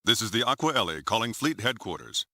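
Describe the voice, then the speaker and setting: A man playing a grave, formal starship commodore in a video game, speaking with measured authority. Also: on the low side, very animated, pushed and bright, no echo, clean studio sound, exaggerated voice. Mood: commanding. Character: stern, grave male starship commodore, middle-aged or older. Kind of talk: dramatic video game voice acting.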